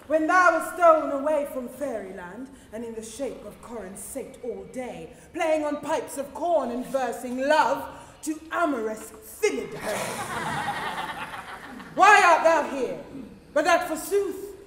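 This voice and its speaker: Woman playing a high-voiced, hammy fairy queen. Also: expressive, measured pace, fairly bright tone. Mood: scornful, mocking. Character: proud, scornful fairy queen, female, defiant. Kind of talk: Shakespearean stage acting. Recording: echoey hall recording, clear noise.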